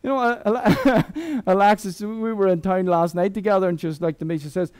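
A man's voice: sits high, fairly quick, darkish tone. A middle-aged Irish man preaching a sermon as a guest preacher, conversational and humorous, often restarting his sentences.

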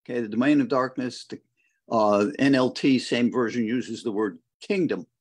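A man co-hosting a conversational Bible study over a video call, reflecting slowly and reading scripture verses aloud. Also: mid-range voice, a little mellow, husky.

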